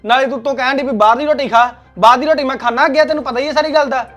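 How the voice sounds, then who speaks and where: A man's voice: very high-pitched, fairly even intonation, racing, a bit bright, soft background music. An actor playing a hot-tempered young husband who barks bossy commands at his wife. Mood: angry, bossy. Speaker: actor in a family skit.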